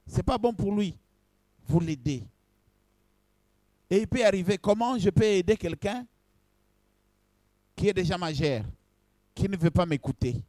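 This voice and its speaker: A man's voice: high voice, darkish tone, no room sound. A man, a pastor, preaching a sermon in short phrases and addressing his congregation directly.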